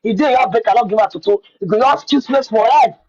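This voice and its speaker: Nigerian woman, husky voice, Pidgin personal account, emphatic repetition, muffled lo-fi recording. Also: a little high, fast talker, warm tone. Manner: repeats words for emphasis. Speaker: guest telling her own story.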